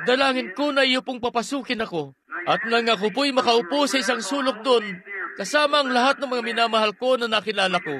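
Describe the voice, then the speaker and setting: High-voiced man preaching fervently. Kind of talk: sermon with testimony and prayer.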